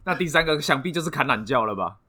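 A man's voice: fairly high pitch, animated, quick pace, pushed and bright, slightly rough. A man with a Taiwanese Mandarin accent co-hosting a podcast, bantering with crude, teasing jokes. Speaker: podcast co-host. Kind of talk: casual comedic chat.

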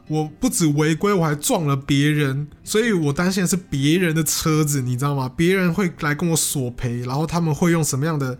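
A young man tells his own story in a vlog. He talks earnestly, stumbles and repeats words as he goes, and his voice sits somewhat high for a man. Faint music plays under him. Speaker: vlogger. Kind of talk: personal storytelling.

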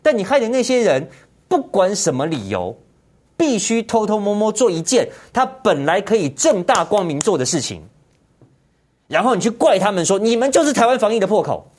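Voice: medium pitch, very animated, moderate pace. A political commentary host, ranting indignantly in heated commentary and firing off repeated rhetorical questions.

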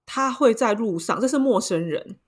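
Animated Taiwanese woman telling a story. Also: fairly high pitch, moderate pace, husky. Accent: Taiwanese Mandarin. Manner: animated, acts out voices in her story. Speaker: podcast co-host. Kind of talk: casual storytelling chat.

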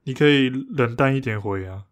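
A man's voice: medium pitch, normal speed. Laughing man retelling a fight. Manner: laughs often, retells a fight with many restarts. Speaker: podcast co-host. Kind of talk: casual chat.

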